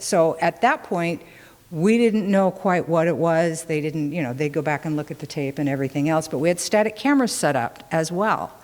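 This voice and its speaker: A woman with a low voice tells stories in an informal fireside storytelling manner. She hosts conversationally, wandering through descriptive detail. The space carries a long reverb. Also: a little mellow. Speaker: host of a ghost story talk.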